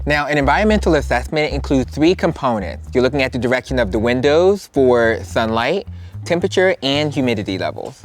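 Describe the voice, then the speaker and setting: A man presenting a makeover show as a houseplant expert, upbeat, playful and theatrical, with drawn-out emphasis and pet names for everyone. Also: medium pitch. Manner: campy, playful, addresses people as darling and honey.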